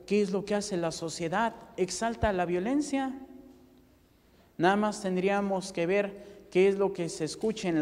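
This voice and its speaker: Mexican priest, high voice, preaching in a church with a long echo; asks the crowd question after question. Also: male voice, a little mellow. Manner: rhetorical questions, acts out parishioners' pleas. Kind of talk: sermon.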